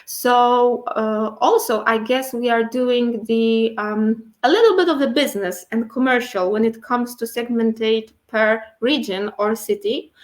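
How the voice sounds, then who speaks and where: Higher-voiced woman talking with braces. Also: unhurried, few pauses. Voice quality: speaking with dental braces, slightly impeded articulation. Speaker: guest speaker, internal communications and IT professional. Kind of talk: explanatory interview answers.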